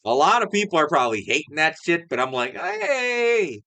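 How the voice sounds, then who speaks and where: A man's voice: a little high, animated, quick pace, sharp tone. A man co-hosting a podcast in casual chat, rambling and swearing freely as he talks about films and shows. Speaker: podcast co-host.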